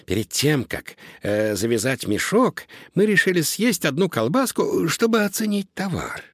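A man voicing a small eager male mouse with a squeaky voice, in a storybook reading. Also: very animated, normal speed, fairly bright tone, dry recording, clean studio sound, full character voice.

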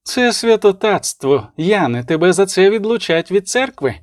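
A fierce, defiant abbess with a raised, lifted voice that swings widely in pitch, as a man puts her on for an audiobook. She is proud and indignant, never cowed. The recording is dry. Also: sing-song, moderate pace, darkish tone, no echo. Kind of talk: audiobook character reading.

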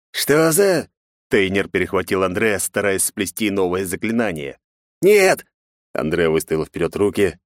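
A man's voice: low voice, darkish tone, dry recording, clean studio sound. A man narrating a fantasy audiobook in a tense, dramatic reading. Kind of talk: scripted narration.

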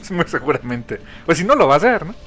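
Joking man, expressive podcast co-host. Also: on the high side, moderate pace, husky. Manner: laughs often, chimes in with joking quoted asides. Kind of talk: casual comic review chat.

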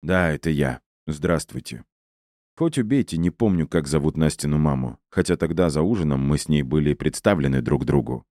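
A man's voice: rumbling low, expressive, fairly quick, few pauses, dark tone, no echo, studio quality. A man narrating a first-person audiobook in a wry, conversational storytelling manner.

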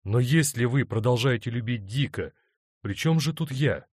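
A man's voice: medium pitch, expressive, normal speed, a little mellow, slightly rough, no echo, studio quality, pitched above the performer's own voice. A man doing an impatient lovesick young man. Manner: insistent, impatient.

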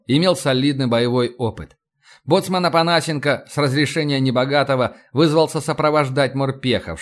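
Чтец-мужчина, спокойное повествование, ни высокий ни низкий голос. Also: male voice, medium pitch. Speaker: audiobook narrator. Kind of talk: scripted audiobook narration.

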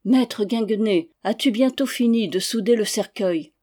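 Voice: mid-range voice, normal speed, darkish tone, close to an everyday voice. An audiobook reader voicing a cheerful little boy who speaks in a gleeful singsong. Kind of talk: audiobook reading.

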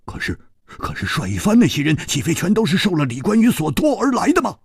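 A male storyteller voicing a boisterous, loud swordsman who shouts and laughs in high excited outbursts. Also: fast talker, breathy edge, no echo, studio quality, heavily acted.

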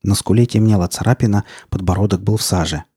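A man reading an audiobook as narrator, in a tense, gritty storytelling manner with steady, measured delivery. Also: on the low side, husky, no echo, studio quality.

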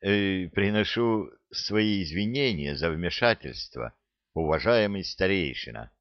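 A composed young warrior, as a man acts him out, courteous and formal in his words. The low, slow voice is recorded close and dry, with a slightly muffled sound. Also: expressive, no echo.

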